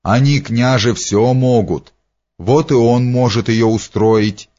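A man's voice: mid-range voice, takes it slowly, warm tone, natural voice. A man voicing a practical servant who speaks in plain, folksy words. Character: a prince's gruff, practical servant. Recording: dull lo-fi recording.

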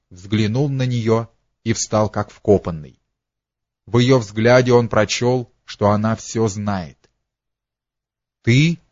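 A man narrating a literary story in a slow, dramatic way. His voice sits low and the pacing is very unhurried. The recording is dry and slightly dull, like lo-fi audio. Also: no echo.

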